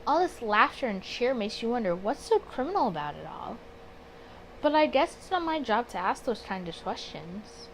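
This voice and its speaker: This gaming-channel host has a fairly high, sing-song voice at moderate pace, captured in a rough home recording with background noise. During her casual let's play she chats and rambles, reads the visual novel aloud, and breaks off to correct herself apologetically.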